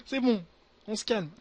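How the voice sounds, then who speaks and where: A young man talking viewers through his game in a high, bright voice. He is excitable and swears freely, chatting loosely as the session goes on. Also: no room sound. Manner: excitable, crude slang, talks to viewers. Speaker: gaming video creator. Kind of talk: casual gameplay commentary.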